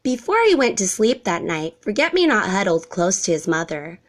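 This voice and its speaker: Reading from a children's storybook, a woman narrates with lively expression, her voice medium in pitch and her pace moderate.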